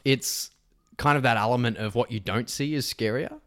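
A man's voice: mid-range voice, normal speed, a bit bright. A man co-hosting a podcast, chatting casually about films, swearing and laughing as he animatedly retells scenes. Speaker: podcast co-host. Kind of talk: casual film chat.

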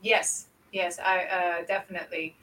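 A woman's voice: lowish voice, a little slow, distant mic, poor audio. A woman from Lebanon co-hosting a business podcast, speaking animatedly and laughing now and then. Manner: animated, laughs often, repeats for emphasis. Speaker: podcast co-host. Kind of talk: casual business chat.

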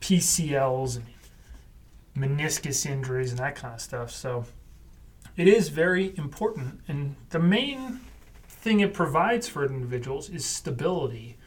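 Physical therapist explaining knee anatomy. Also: male voice, fairly high pitch, lively intonation, measured pace, recorded from a distance. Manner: explains clinical terms, jokes dryly. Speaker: podcast co-host, physical therapist. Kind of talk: casual educational podcast chat.

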